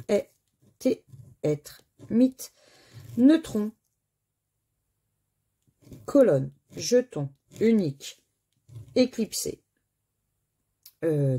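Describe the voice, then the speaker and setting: A woman's voice: medium pitch, gravelly, warm tone, husky. A woman with a French accent chatting to viewers while she scratches crossword lottery tickets and reads out letters and words.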